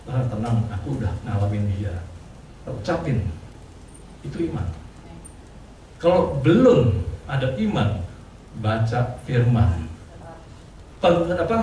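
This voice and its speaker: A male pastor giving a casual, conversational sermon, chatty and quick to laugh, with plenty of fillers. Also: on the high side, darkish tone, slight background noise. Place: church hall. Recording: distant mic in echoey church hall with faint ambience.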